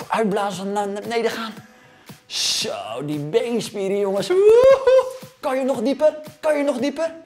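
A man in his thirties coaching a children's home workout, cheering them on and counting down reps while exercising himself and a little out of breath. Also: very high-pitched. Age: 30s. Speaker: fitness coach for kids. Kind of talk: energetic workout instruction. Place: gym.

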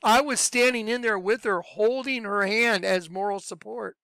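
A man's voice: high-pitched, normal speed, gravelly, bright, forceful tone, smooth, no room sound. A man earnestly telling his personal story as a religious testimony, often acting out what people said. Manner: earnest, acts out quoted dialogue.

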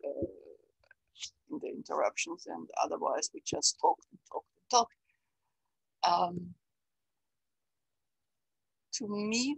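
An older woman with an Austrian German accent, speaking English on a video call, reflective and halting, with many fillers. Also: mid-range voice, vocal fry, breathy edge, dry recording, low-quality recording. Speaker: interview guest, salon organizer. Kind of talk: casual conversation on a video call. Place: bright room at home. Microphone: webcam on a video call.

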